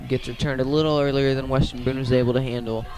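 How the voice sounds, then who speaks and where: An American play-by-play man calls a football game live over the radio in a low-quality recording. His pitch stays medium and nearly flat, and he breaks each play into halting bits while correcting himself.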